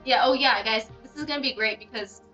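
A woman's voice: fairly high pitch, brisk, pushed and bright, distant mic. A woman hosting a casual game stream, chatty and giggly as she guides another player. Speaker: streamer host. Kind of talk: casual gameplay stream chat. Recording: dull lo-fi stream audio, off mic, faint music.

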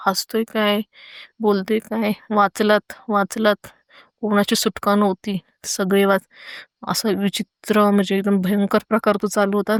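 Brief: woman telling a true horror experience, even flat delivery, dry close sound. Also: mid-range voice, clean tone, no echo. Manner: earnest, hesitant with fillers. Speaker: storyteller sharing her own experience. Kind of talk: first-person horror account.

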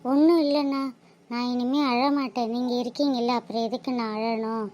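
Cartoon role: a woman as an anxious young wife, very high and pleading. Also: steady tone, a little fast, darkish tone, muffled recording, lightly acted. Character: worried tearful young woman, wife and sister.

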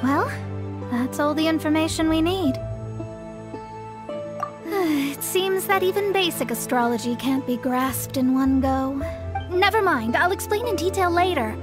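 A woman's voice: high-pitched, lively intonation, moderate pace, over music. A woman voicing a haughty, formal young female astrologist in a video game, with pompous, precise diction. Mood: self-assured. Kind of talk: video game dub acting.

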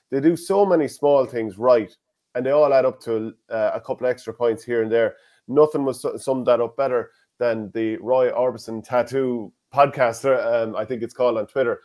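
A man's voice: mid-range voice, darkish tone. An Irish man on a video call, hosting a casual hurling discussion and posing questions. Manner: conversational, questioning. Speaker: host.

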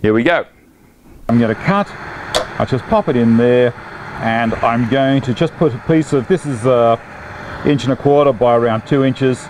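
In his home workshop, an Australian man in his fifties shows off a woodworking job, speaking at medium pitch and normal speed into a lapel mic with background noise around him. The woodworking channel host keeps things chatty and relaxed, with laughs and Aussie slang.

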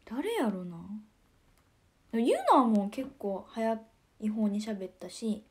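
A young woman with a Kansai accent, hosting a casual livestream. She chats about viewer comments in a giggly, soft-spoken way and often drops to a near whisper. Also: medium pitch, expressive, takes it slowly. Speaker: idol livestream host.

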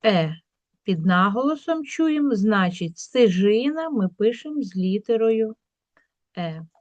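A woman teacher working through a school workbook, drawing words out slowly to show where the stress falls. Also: mid-range voice, lively intonation, darkish tone, no echo, lo-fi sound. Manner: slow, drawn-out word demonstrations.

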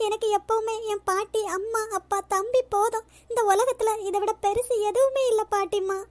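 A woman voicing a gentle young woman in a cartoon, devoted to her grandmother, soft and earnest. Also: very high voice, fairly even intonation, normal speed. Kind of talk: cartoon voice acting.

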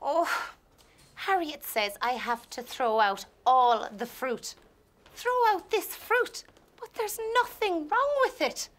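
An actress playing a put-upon hotel worker who complains chattily about throwing out food in a scripted comic sketch. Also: female voice, high voice, big pitch swings, slow pace, fairly bright tone, slight background noise, exaggerated voice. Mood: grumbling.

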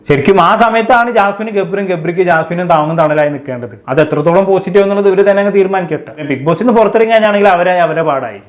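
A man giving a casual, chatty recap of a reality show and talking straight to his viewers. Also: high-pitched. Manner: chatty, addresses viewers as kids. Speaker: show commentator.

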